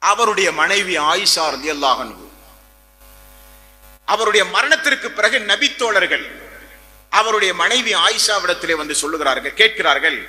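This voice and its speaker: A man's voice: high-pitched, very animated, normal speed, pauses often, bright, forceful tone. A man from Tamil Nadu preaching a sermon with passion, repeating phrases and asking rhetorical questions. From Tamil Nadu, India. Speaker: Islamic preacher. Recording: long hall reverb.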